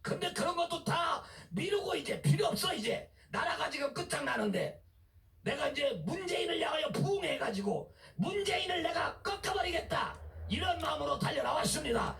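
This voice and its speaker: A man introducing a pastor at a rally, shouting and urging the crowd to applaud. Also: very high-pitched, expressive, normal speed, vocal fry. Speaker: rally emcee. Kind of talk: introducing a speaker. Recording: echoey loudspeaker sound from far off, music behind.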